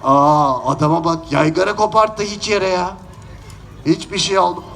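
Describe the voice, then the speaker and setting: A man voicing a gruff, impatient puppet bully who grumbles dismissively in a puppet show. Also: sits high, steady tone, normal speed, fairly bright tone, a little hiss or hum. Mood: irritated.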